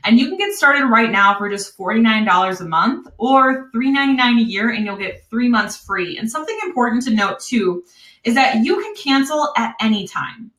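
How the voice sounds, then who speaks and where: A woman with a Wisconsin accent hosting a live webinar, pitching an online course in an upbeat, chatty way with frequent laughs. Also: lively intonation, normal speed, fairly bright tone, reverberant.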